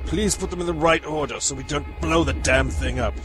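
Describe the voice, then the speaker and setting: A man playing a vain, excitable mad scientist with a pompous, melodramatic delivery in a comic horror parody audio drama. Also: fairly high pitch, a little fast, over loud music, close to an everyday voice. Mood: exasperated.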